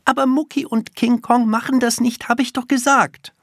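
A storybook reader voicing a stubborn, earnest little girl in first grade, high and lively. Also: normal speed, dry recording, studio quality, lightly acted. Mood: insistent. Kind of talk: storybook reading.

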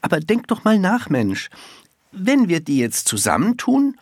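A reader doing a young schoolboy in a children's story, patient yet exasperated, pleading with urgency. His voice sits a little higher than the narration and shifts a lot. The sound is dry and close. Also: wildly swooping pitch, a little slow, dry recording, exaggerated voice. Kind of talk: storybook reading.

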